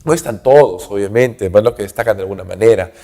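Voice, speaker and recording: A man teaching an English grammar lesson, speaking slowly, checking in with "¿no?" and "¿ok?" after nearly every phrase, and saying English words louder and higher before their translation. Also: vocal fry. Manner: slow and repetitive, checks in with "¿no?" and "¿ok?" constantly. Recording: long hall reverb.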